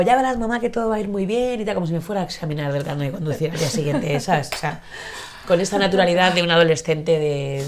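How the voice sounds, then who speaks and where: Low, gravelly-voiced woman speaking haltingly. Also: darkish tone. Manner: hesitant, halting, reflective. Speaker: podcast guest. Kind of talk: emotional personal conversation. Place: home kitchen.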